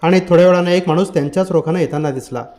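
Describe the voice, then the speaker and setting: Man reading a novel aloud, kinda high voice, slow measured storytelling. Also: darkish tone. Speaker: audiobook narrator. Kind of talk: scripted novel narration.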